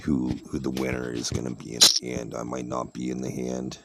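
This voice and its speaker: A man's voice: a bass voice, monotone, fairly quick, gravelly. A man giving casual, rambling commentary while he plays online poker, often restarting and repeating himself. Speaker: online poker player and streamer. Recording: loud background noise and clicks.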